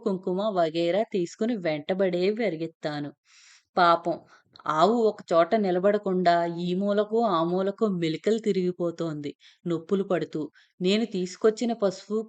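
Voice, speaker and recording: A woman narrating a first-person story in a steady, plain telling voice. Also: on the low side.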